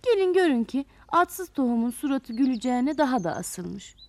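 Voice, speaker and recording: A woman narrating a children's story in an expressive storyteller manner, speaking to young listeners. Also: high voice, moderate pace.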